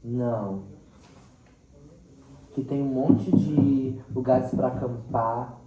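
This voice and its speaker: A teacher from Mato Grosso do Sul, Brazil, with a central-western Brazilian accent, tells stories casually and animatedly in an interview, dropping in little acted quotes. His medium-pitched voice is steady, extremely slow and dark, with highs cut off. The recording is roomy and distant-miked, with faint background noise.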